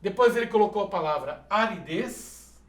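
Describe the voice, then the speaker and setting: Here a male math teacher solves exercises in a video lesson, his high voice expressive and his pace moderate. The room echoes. He breaks everything down step by step in a methodical way, asking the viewer "perfeito?" as he goes.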